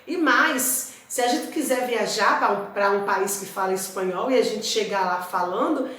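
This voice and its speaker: A woman from Brazil teaching a Spanish lesson to schoolchildren, drilling words slowly and clearly. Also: medium pitch, fairly bright tone. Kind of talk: recorded class lesson for kids. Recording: very echoey room.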